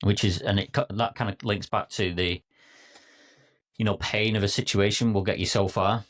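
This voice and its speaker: A man's voice: on the low side, fairly even intonation, normal speed, a bit bright. A man co-hosting a coaching podcast, talking with enthusiasm and an easy, jokey manner. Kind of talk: casual podcast conversation.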